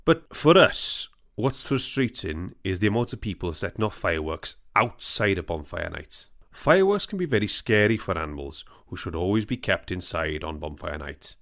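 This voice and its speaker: A man voicing a calm, earnest male firefighter in a comic mock interview, speaking slowly and measuredly. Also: deep voice, exaggerated voice. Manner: slow, measured, safety-lecture delivery.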